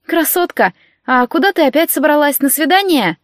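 A woman's voice: sits high, animated, moderate pace, no room sound, clean studio sound, pitched above the performer's own voice. A woman voicing a sleepy, whiny younger sister who pesters with questions. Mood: teasing. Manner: whining, pestering.

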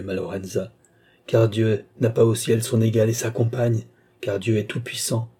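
A man's voice: medium pitch, mellow, husky, close to an everyday voice. Man reading as a fervent alchemist.

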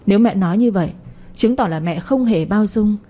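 A woman's voice: medium pitch, brisk, close to an everyday voice. A woman voicing a pleading devoted son. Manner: pleading, soft-spoken.

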